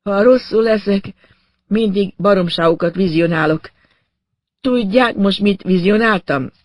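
A shaky young man, dazed after a seizure, in a raised, thin, bewildered voice, as a male audiobook reader puts him on. His questions come weak and halting. The recording is close and dry. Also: high-pitched, dry recording, voice pushed up, natural voice. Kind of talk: audiobook character voice.

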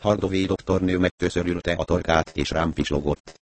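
A man with a very low voice reads a first-person story at an even, measured pace. The sound is close and dry, with no room echo. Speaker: narrator. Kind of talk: first-person audiobook narration.

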